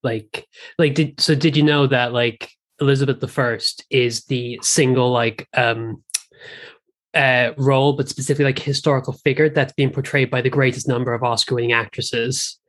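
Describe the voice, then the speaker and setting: A man's voice: medium pitch, fairly even intonation, normal speed, fairly bright tone. Informal Irish man chatting as podcast guest. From Ireland. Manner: informal, peppered with "like". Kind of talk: casual film discussion.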